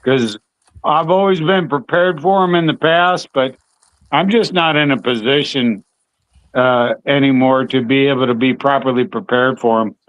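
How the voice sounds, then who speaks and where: A man talking in a steady, plain-spoken way on a call in a casual conversation. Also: medium pitch, normal speed, highs cut off.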